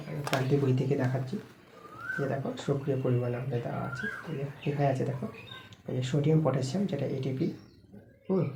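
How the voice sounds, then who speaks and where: A man teaches at a rapid clip, explaining each exam answer step by step and sending students back to their textbook. His voice is mellow and sits a little high for a man. The room echoes around him, with faint noise in the background. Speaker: school teacher. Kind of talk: exam answer walkthrough lesson.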